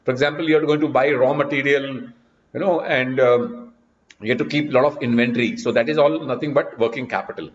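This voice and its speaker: A man's voice: mid-range voice, quick pace. A man teaching an online class, explaining patiently with many "you know" fillers. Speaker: lecturer. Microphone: video call. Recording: dull video-call audio, echoey room.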